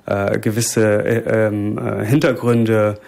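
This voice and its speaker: A man from Germany, a father guesting on a talk show, speaking in a thoughtful, measured way with fillers. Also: lowish voice, level tone, gravelly, a little mellow. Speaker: guest, parent. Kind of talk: casual chat.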